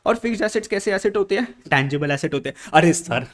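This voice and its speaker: A male teacher giving an energetic lesson. He keeps putting questions to the class, answers them himself, and addresses the students as brother or child. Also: sits high, racing. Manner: banters with students, calling them "bhai" and "beta". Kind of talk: energetic classroom-style lecture. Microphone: microphone he points to as an example.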